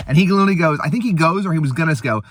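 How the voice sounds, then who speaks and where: A man's voice: on the high side, animated, racing, no room sound. A man hosting a casual eating show, rambling and laughing as he retells a movie between bites. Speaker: host. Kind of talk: casual chat.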